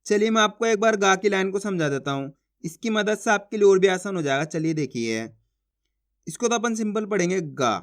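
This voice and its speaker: A man's voice: sits high, lively intonation, moderate pace, a bit bright. A man teaching a basic reading lesson, patient, repeating each syllable and often checking whether the listener has understood.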